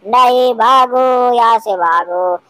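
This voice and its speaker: Woman doing a silly cartoon dub, slow playful sing-song. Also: medium pitch.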